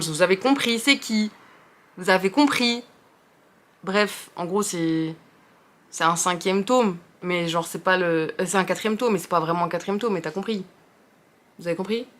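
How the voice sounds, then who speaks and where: A woman's voice: lowish voice, a bit bright. Chatty young Frenchwoman rambling about books. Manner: rambling, many fillers and restarts; self-deprecating, chatty. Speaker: book video host. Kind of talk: casual chat about books.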